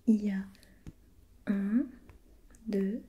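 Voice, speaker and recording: A woman playing a gentle, patient preschool teacher in a soft, breathy whispered role-play, encouraging and repeating softly. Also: mid-range voice, very slow.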